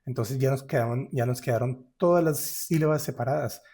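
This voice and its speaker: Man teaching French vowels, slow demonstrations. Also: medium pitch, mellow, slightly rough. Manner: slow, drawn-out syllable-by-syllable demonstration. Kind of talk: pronunciation lesson.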